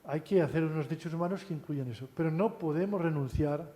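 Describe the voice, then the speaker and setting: A man giving a university lecture in a relaxed, conversational way, often adding tag questions and restarting phrases. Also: a little high, fast. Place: lecture hall. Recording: long hall reverb.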